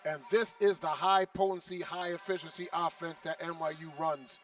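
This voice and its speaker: A man's voice: on the high side, steady tone, normal speed, soft background music. A man giving color commentary at a college basketball game, with chatty, opinionated asides. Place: college gym. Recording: distant mic in a gym.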